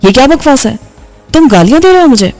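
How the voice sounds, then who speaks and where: A woman voicing a frightened young woman who pleads and defends herself softly in audiobook dialogue, over faint background music. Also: a little high, expressive, big-room sound. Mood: upset. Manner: soft, hesitant pleading.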